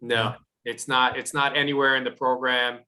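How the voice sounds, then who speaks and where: A man training ushers in a casual question-and-answer session, talking haltingly with many fillers. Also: mid-range voice, level tone, pushed and bright. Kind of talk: casual Q&A on a video call.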